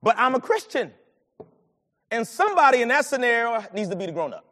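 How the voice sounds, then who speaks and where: A man preaching a sermon and telling a personal story, swinging from low murmurs to loud bursts. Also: brisk. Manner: animated, swings from low murmurs to shouted lines. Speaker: pastor. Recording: long hall reverb.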